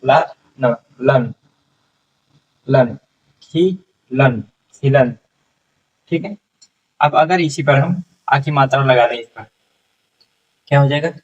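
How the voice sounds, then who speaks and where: A man teaches a reading lesson at a very slow, patient pace, sounding out each syllable and repeating every word. His voice sits at an ordinary middle pitch. It is recorded dull and a little distant from the microphone. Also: slightly rough. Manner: sounds out syllables slowly and repeats words, checking in often.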